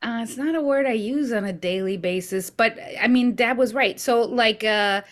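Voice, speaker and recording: A woman's voice: on the high side, moderate pace. A young woman co-hosting a casual podcast chat, teasing and good-humored. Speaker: co-host.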